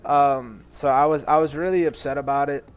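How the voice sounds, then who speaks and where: High-voiced young man telling a rambling story. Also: steady tone, normal speed, clear, resonant tone. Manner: rambling, profane, acts out quotes loudly. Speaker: podcast co-host. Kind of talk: casual storytelling chat.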